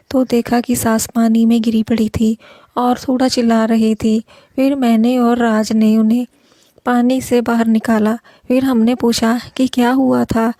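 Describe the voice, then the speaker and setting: A woman narrating a first-person story aloud in an even, steady audiobook manner. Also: a little high, creaky, no room sound.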